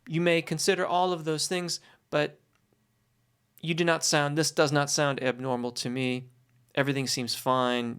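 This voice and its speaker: A voice teacher answering questions in a conversational, explanatory way, with encouraging, reassuring and deliberate, articulate phrasing. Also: mid-range voice, a bit bright, clear, resonant tone.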